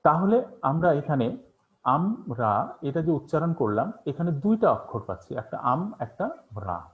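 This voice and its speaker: A man's voice: a little high, sing-song, unhurried. A man teaching an online class, asking questions and answering them himself, with many fillers. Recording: tinny phone-like online class audio.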